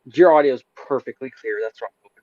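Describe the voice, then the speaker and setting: A lower-fidelity, slightly muffled recording of a man in casual podcast chat. He speaks from inside a small trailer, very dry and close, with little echo. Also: a little fast. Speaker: podcast co-host. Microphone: poor mic on a remote group call. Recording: dull lo-fi microphone.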